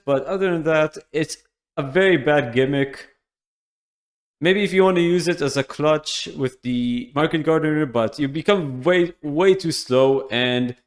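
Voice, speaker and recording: A man giving casual, rambling commentary as he ranks weapons from a shooter game, often restarting his sentences. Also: a little high. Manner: loose and rambling, frequent restarts and fillers. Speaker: gaming YouTuber.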